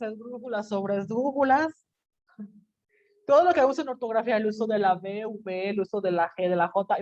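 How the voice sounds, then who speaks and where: A woman teacher, giving a lively classroom lecture and acting out what students might say. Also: on the high side. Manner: animated, acts out student quotes. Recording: dull lo-fi classroom recording.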